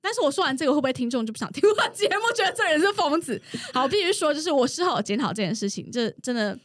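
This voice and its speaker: A loud, excitable woman in her thirties hosts a podcast and tells stories in casual chat. Her voice is high, very animated and swings widely in pitch. She talks fast and laughs often. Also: dry recording. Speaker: podcast host.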